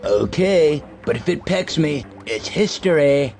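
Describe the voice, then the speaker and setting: An actor voicing a lazy, laid-back stoner hipster man in a video game, with a gravelly drawl. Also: fairly high pitch, lively intonation, a little slow, darkish tone, soft background music. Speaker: game character Kent. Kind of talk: voiced video game dialogue.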